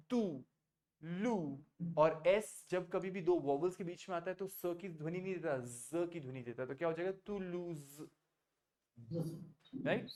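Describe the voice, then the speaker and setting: Sitting high with a darkish tone, this man's voice guides an online French class through pronunciation. He takes his time, blends Hindi and English, and encourages the students to say the sounds back to him.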